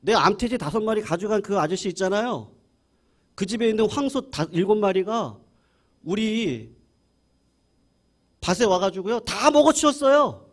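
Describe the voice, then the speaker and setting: A man's voice: high-pitched, expressive, moderate pace, long pauses, pitched above the performer's own voice. A man voicing an agitated middle-aged male villager who exclaims and pleads in sudden outbursts. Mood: excited.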